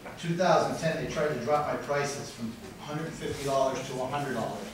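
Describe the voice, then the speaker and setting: A middle-aged man delivers a heated, accusatory public comment at a podium mic in a large wood-paneled council chamber, rising almost to shouting. His voice is medium-pitched and brisk. He's heard from far back in the room, with heavy echo and faint noise.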